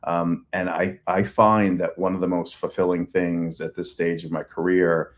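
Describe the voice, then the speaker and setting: Deep and flat, moderately paced: that's the voice of a Long Island man in his forties, an agency CEO guest. He talks a lot when answering interview questions, leaning on fillers and frequently restarting.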